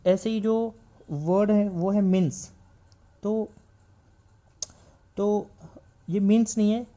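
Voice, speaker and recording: A man teaching shorthand in a classroom style, patiently repeating each point and reading textbook lines slowly. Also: sits high, fairly even intonation, warm tone, lo-fi sound. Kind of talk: classroom explanation.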